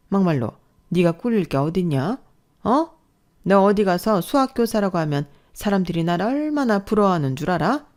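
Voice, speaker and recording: A woman's voice: on the low side, a little mellow. A woman voicing a domineering, scornful older mother-in-law who scolds and belittles. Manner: scolding, contemptuous.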